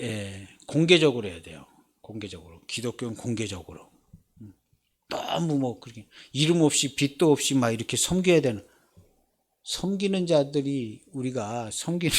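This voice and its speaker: A man's voice: medium pitch, husky. A male pastor preaching a sermon in a church, emphatic, with rhetorical questions and repeated phrases. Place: church sanctuary.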